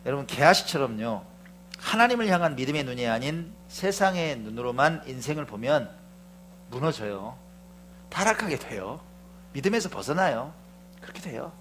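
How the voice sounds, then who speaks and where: A middle-aged male pastor preaching fervently, moving from hushed asides to shouted proclamations and often questioning the congregation. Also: medium pitch, sing-song, moderate pace, slight background noise. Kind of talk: sermon.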